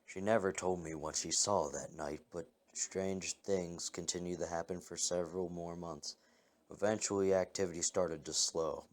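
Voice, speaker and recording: A man reading first-person scary stories aloud as a narrator, in a calm, measured way. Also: sits low. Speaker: story narrator. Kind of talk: scripted horror story reading.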